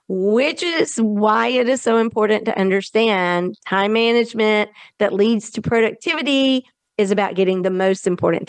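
A woman's voice: on the high side, no echo. A woman with a Southern accent hosting a self-help podcast, earnest and encouraging, with chatty asides to her listeners. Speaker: host.

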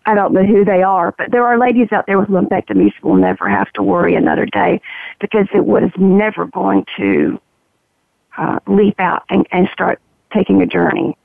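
A woman with a gravelly, froggy, medication-roughened voice gives a candid, reflective personal account as an interview guest, in halting phrases. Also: medium pitch, very animated, dry recording. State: voice roughened by morphine. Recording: narrow, tinny phone-line sound.

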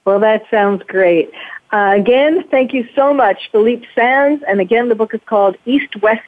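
A woman's voice: fairly high pitch, moderate pace. A woman psychiatrist hosting a radio interview show, talking hesitantly and often restarting her sentences. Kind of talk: interview chat. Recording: tinny phone line.

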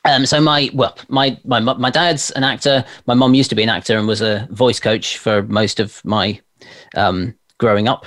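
In a dry recording, a lowish-voiced man with an English Received Pronunciation accent answers interview questions conversationally. He's a performance coach and performer from London, England, speaking from his home office. He tells anecdotes as he chats.

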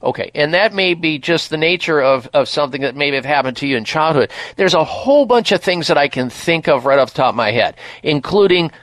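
Radio health host, bouncy up-and-down delivery, dry studio sound. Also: male voice, on the high side, brisk, hardly any pauses, no echo. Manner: lively, salesy, advising. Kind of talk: radio call-in show and live ad read.

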